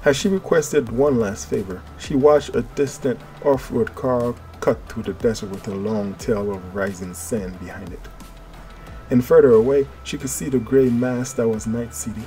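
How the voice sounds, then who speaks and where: A man reading an audiobook in steady, measured scripted narration. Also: medium pitch. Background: music.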